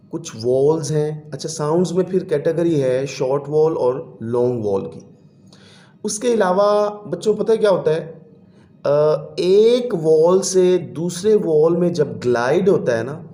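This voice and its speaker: A man teaching a children's English lesson, explaining patiently and reading English examples slowly aloud. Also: on the high side, mellow, roomy sound. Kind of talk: classroom lecture.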